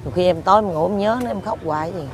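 An older woman with a Southern Vietnamese accent, being interviewed outdoors, speaking haltingly with many fillers and pleading. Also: lowish voice, background noise. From Tiền Giang, Vietnam. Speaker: interviewee, mother of a missing woman. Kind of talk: street interview. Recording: loud crowd behind.

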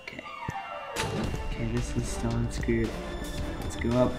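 A young American man giving excitable, casual commentary while playing a game. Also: mid-range voice, a little slow, loud music behind the voice. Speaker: gaming video player.

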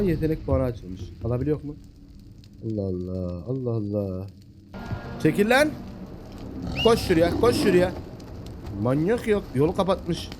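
A man giving casual, excitable let's-play commentary, chatting away and talking to the animals in the game. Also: fairly high pitch. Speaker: gameplay commentator.

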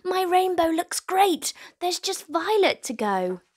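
Speaking slowly in an extremely high, very animated voice, this twenty-something woman runs a children's storytime. She reads and addresses the kids watching directly, keeping her tone encouraging.

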